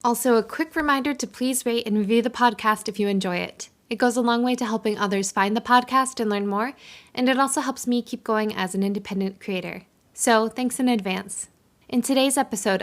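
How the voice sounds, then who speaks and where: A woman hosting a podcast, reading a scripted intro in a friendly, clear, explanatory way. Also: a little high, a little fast. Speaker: podcast host.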